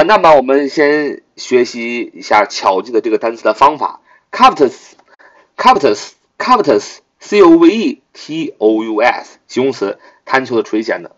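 Man slowly spelling vocabulary, lively teacher. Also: mid-range voice. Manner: spells words letter by letter slowly, repeats words three times; lively, emphatic explaining with rising questions. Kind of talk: vocabulary lesson. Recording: dull lo-fi recording.

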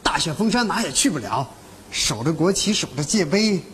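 An actor playing a shy, earnest young border soldier in a stage comedy sketch, talking plainly. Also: male voice, on the high side, very animated, normal speed, fairly bright tone, slight background noise. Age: young adult. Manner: earnest, plain-spoken, protests.

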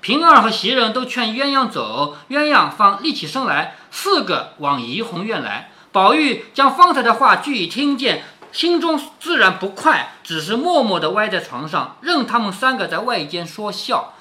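Lively, bright-voiced storytelling father. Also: high-pitched, moderate pace, hardly any pauses. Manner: explains the story in plain words, keeps asking "isn't it?"; playful, laughs along with his child. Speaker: father reading a classic novel aloud to his daughter. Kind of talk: storytelling read-aloud with chatty commentary.

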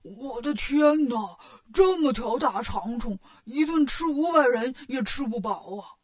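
A woman's voice: high voice, expressive, normal speed, breathy edge. A woman voicing a clumsy, greedy male pig-monk in a children's storybook reading, with gasping, whiny exclamations. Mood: alarmed.

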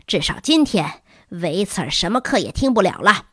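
A woman's voice: mid-range voice, sing-song, moderate pace, sharp tone, no room sound, clean studio sound, heavily acted. A woman doing a groaning, aching schoolboy. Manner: groaning, hoarse complaining. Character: worn-out, grumbling schoolboy.

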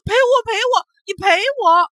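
A woman's voice: on the high side, very animated, a little fast, fairly bright tone, husky, no echo, exaggerated voice. A woman voicing an earnest little boy who ends up crying and whining. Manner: pleading, whiny.

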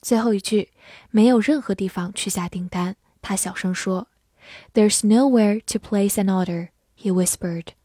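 A woman in a scripted vocabulary lesson, drilling each word slowly and deliberately before giving its meanings. Her voice is mellow and dark, spoken at an unhurried pace. The recording is dry and close, with no room sound. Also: mid-range voice, no room sound. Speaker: English vocabulary teacher.

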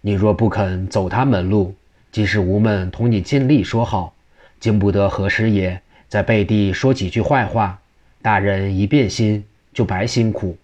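A man's voice: lowish voice, fairly even intonation, normal speed, darkish tone, highs cut off, close to an everyday voice. A man voicing a male go-between who talks persuasively.

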